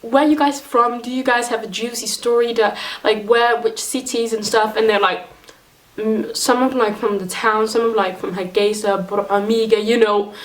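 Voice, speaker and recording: A young woman from Somaliland talking casually to camera, chatty and excitable with lots of fillers. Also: a little high, normal speed, low-quality recording. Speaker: vlogger. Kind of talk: casual vlog chat.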